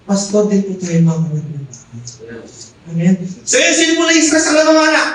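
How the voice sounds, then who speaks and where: A man's voice: high voice, big pitch swings, normal speed, fairly bright tone, a little hiss or hum. A middle-aged Filipino man preaching a Taglish sermon as pastor, often calling out "amen?" to the congregation. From Philippines. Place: church hall. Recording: echoey hall, mic far off.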